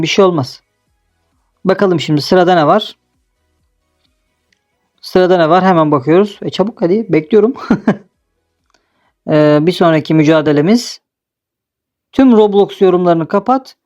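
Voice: medium pitch, darkish tone, dull audio. A young adult host casually commenting on a game he is playing, teasing and laughing often. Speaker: gaming video host.

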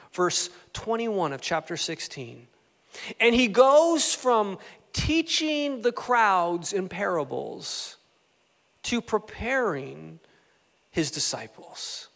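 A man preaches a lively, conversational sermon with a notably high voice, tossing questions and asides to his congregation. His voice rings out with a long reverb in a church sanctuary. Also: slow pace, gravelly. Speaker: pastor.

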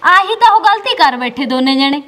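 A woman's voice: sits high, lively intonation, normal speed, fairly bright tone. A woman playing a reassuring young village woman. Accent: Malwai Punjabi. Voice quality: consoling, matter-of-fact. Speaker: actor in a village short drama. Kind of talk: amateur village drama acting.

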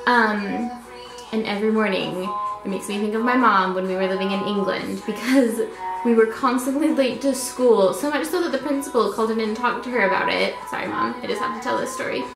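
A woman in her twenties talks casually to her camera in an echoey small room. Her voice sits a little high with plenty of creak, and she rambles from one thought to the next over faint noise. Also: fairly quick, over music. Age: 20s. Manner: rambling, easily distracted. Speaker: vlogger. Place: small indoor apartment room. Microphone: camera at arm's length.

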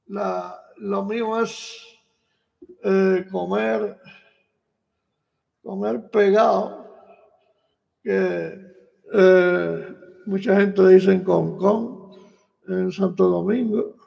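A middle-aged Puerto Rican man hosts a home internet radio show, talking slowly and rambling, with pauses and restarts. His voice is gravelly and dark, set fairly high. The sound is dull and lo-fi, with a long reverb trailing behind it. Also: fairly even intonation. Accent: Puerto Rican Spanish. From Puerto Rico. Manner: slow, rambling, with hesitations and restarts. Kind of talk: casual on-air chat with shout-outs. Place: small home room studio. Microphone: large studio mic on boom arm.

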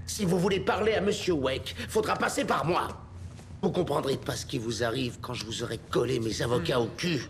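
A man's voice: medium pitch, a little fast, a crowd in the background, close to an everyday voice. A man voicing a brash, combative literary agent with a pushy, blustering manner in a video game dub. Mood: indignant.

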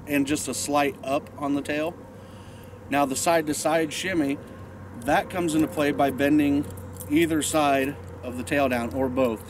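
Handling his gear on a boat and along a snowy riverbank, a man in his thirties explains fishing in a relaxed, hands-on demo. He speaks at medium pitch, recorded by a distant camera mic a few feet off, with faint outdoor sounds.

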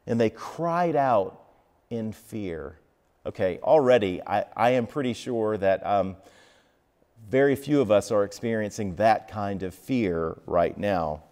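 A man preaching a sermon in a conversational, expressive storytelling manner. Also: fairly low pitch, slow pace, big-room sound. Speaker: pastor. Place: church sanctuary.

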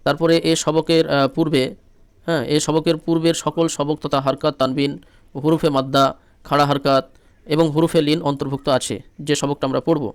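A man's voice: on the high side, level tone, fairly quick, clean tone, no room sound. Patient Bengali man spelling out syllables. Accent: Bangladeshi Bengali. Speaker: Quran reading teacher. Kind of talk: spelling-drill lesson.

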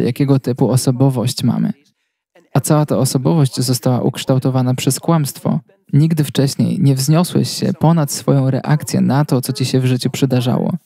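Man, sermon voice-over, steady storytelling, mellow, slightly breathy. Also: mid-range voice, no echo. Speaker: Polish voice-over translator of a sermon.

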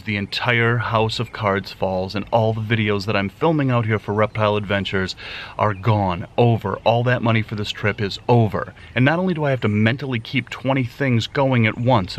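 A man's voice: lowish voice, fairly bright tone, lo-fi sound, slight background noise. Worn-out man vlogging at camp. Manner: enthusiastic, rambling, thinking aloud. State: tired and worn out. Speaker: vlogger and filmmaker. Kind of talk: casual vlog narration. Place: outdoors under a thatched shelter at camp. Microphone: camera held close at arm's length.

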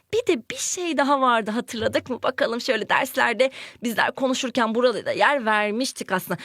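Woman, primary teacher: higher voice, dry close sound, lively questioning delivery for small children. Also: no room sound. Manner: lively, questioning, acts out example sentences with exclamations. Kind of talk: classroom lesson for young children.

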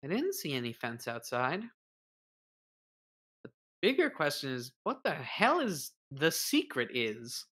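Teasing girl streamer, swings her pitch all over, talks slow. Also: huge pitch swings, a bit bright. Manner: playful, teasing, swears casually. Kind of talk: casual gameplay banter.

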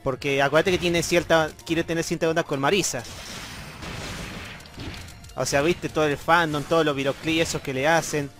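An Argentine man hosting a casual chat while playing a fighting game, bursting into loud excited yelps. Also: a little high, moderate pace, pauses often. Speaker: channel host, gamer. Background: game music.

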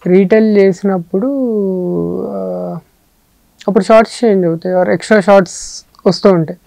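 A man's voice: high voice, fairly even intonation, moderate pace, gravelly, dark tone, dry recording, rough recording. A man, a film editor, answering interview questions thoughtfully with a Telugu accent, and he often explains through metaphors. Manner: thoughtful, explains with metaphors, mixes in English phrases.

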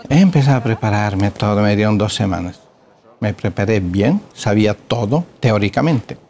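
A man's voice: lowish voice, expressive, normal speed, a little mellow, a little hiss or hum. A middle-aged man, a plastic surgeon, telling a story from his career in an interview, hesitating with filler sounds and retelling the conversations.

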